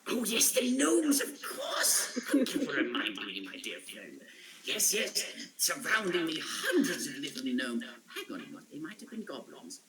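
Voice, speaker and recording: A man's voice: on the high side, wildly swooping pitch, moderate pace, crowd noise, voice pushed up, low-quality recording. A man voicing an ancient, eccentric woodsman storyteller, grumbly, rambling and forgetful, in a tabletop role-playing game. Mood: rambling, excited. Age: very old.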